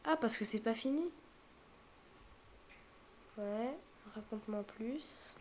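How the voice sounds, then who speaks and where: A woman's voice: fairly high pitch, takes it slowly, slight background noise. Young woman musing through a live reaction. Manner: musing aloud, many fillers, drops to whispers. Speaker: streamer reacting to a game showcase. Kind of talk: casual live reaction commentary.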